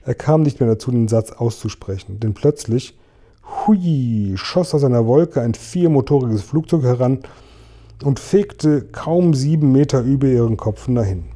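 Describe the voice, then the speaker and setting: Very dark-voiced man reading a storybook. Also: mid-range voice, expressive, normal speed. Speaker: reader. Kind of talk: reading a children's book aloud.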